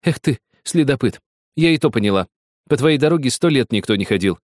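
A man voicing a scornful, frightened teenage girl who snaps and shouts. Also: medium pitch, expressive, brisk, dry recording, studio quality, pitched above the performer's own voice, lightly acted. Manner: snapping, scornful. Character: sharp scared teenage girl.

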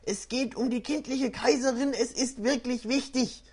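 A reader voicing a brash young male hero, talking in a hurried, earnest way. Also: medium pitch, steady tone, darkish tone, husky, voice pushed up, lightly acted. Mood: urgent.

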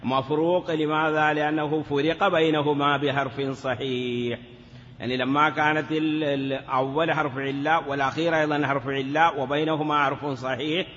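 A man's voice: on the high side, little pitch movement, moderate pace, fairly bright tone, long reverb tail, lo-fi sound, slight background noise. A man teaching a grammar lesson in a classroom, asking questions and answering them himself, sometimes drawing words out in a chanting lilt. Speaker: teacher of Arabic morphology. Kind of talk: classroom lecture.

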